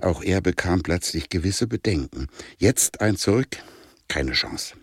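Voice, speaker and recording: A man's voice: deep voice, expressive, unhurried, breathy edge, no room sound, clean studio sound. A man reading a children's story aloud in a playful, emphatic way. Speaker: narrator.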